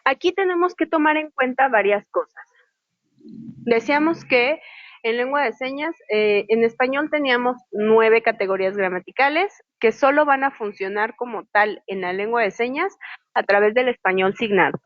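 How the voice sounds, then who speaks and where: A woman's voice: fairly high pitch, moderate pace, a bit bright, dry recording. Patient woman teaching online. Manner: patient, explanatory, spells letters out one by one. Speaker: sign language teacher. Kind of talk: online class instruction. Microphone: video call microphone. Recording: muffled lo-fi video call audio.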